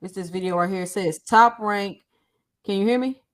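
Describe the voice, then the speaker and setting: A woman's voice: mid-range voice, normal speed. A woman talking casually over a call whose connection is choppy and cuts out, so she stammers and repeats herself. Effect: choppy, cutting-out call connection.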